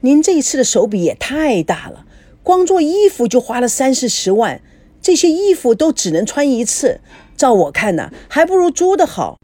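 A woman voicing a frank, thrifty middle-aged mother-in-law who complains about wasteful spending, with a breathy voice. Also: high-pitched, very animated, moderate pace, mellow, no echo, voice pushed up. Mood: complaining.

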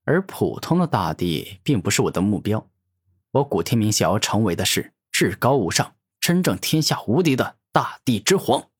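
A man's voice: lowish voice, very animated, moderate pace, husky, voice pushed down. Man doing a cocky taunting young hero. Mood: mocking. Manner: taunting, self-assured. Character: cocky mocking young male martial hero.

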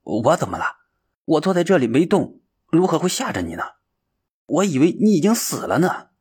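An earnest, dreamy young seeker, as a man puts him on, calm and musing in a husky voice that rises and falls widely. He talks it over slowly in a storybook telling. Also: on the high side, voice pushed up, heavily acted. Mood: puzzled.

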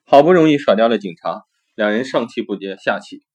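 A man's voice: on the low side, animated, a little fast, a little mellow, husky. Earnest male talk show host. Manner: reflective, earnest. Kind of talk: storytelling talk show monologue. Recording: dull lo-fi recording.

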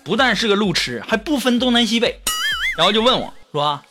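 A man's voice: high-pitched, quick pace. A man hosting a comedy podcast, telling funny anecdotes and acting out the voices in them. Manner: lively storytelling, acting out quoted voices. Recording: music bed under the voice.

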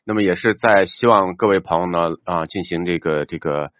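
Man, fast-paced, slightly low voice, joking car-show co-host, dull dry studio sound. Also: no echo. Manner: joking, answers listener questions. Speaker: radio car-advice co-host. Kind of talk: casual on-air banter.

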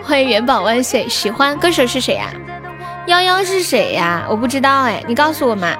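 A woman's voice: fairly high pitch, lively intonation, fast. A woman hosting a livestream, chatting casually and playfully with viewers. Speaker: livestream host. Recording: music playing behind the voice.

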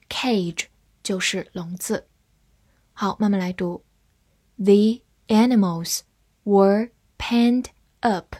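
Woman, vocabulary teacher, scripted lesson, breathy tone, unhurried. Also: mid-range voice, a little mellow. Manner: slow, carefully spelled-out pronunciation drills.

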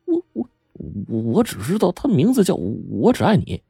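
Guy doing a nervous teen boy, stutters a lot, whiny high husky voice, a bit sneaky. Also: big pitch swings, fast, dark tone, dry recording, clean studio sound. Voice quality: stammering. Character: scared stammering teenage nephew, sly.

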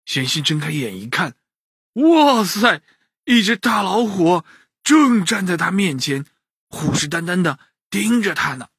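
A man narrating a children's bedtime story, lively and speaking to the kids directly. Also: high-pitched, normal speed, breathy edge, no echo, clean studio sound.

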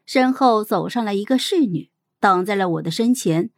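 Expressive young woman narrating an audiobook. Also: mid-range voice, no echo, studio quality. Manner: measured, expressive storytelling. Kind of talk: first-person story narration.

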